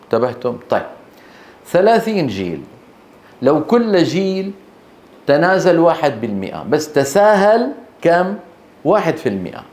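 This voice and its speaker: A man with a Levantine Arabic accent gives a lecture, his voice sitting a little high. He is emphatic and keeps firing short questions at the class. The sound rings around an echoey teaching hall. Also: very animated, normal speed, pauses often, a little mellow. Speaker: Quran recitation teacher. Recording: echoey room.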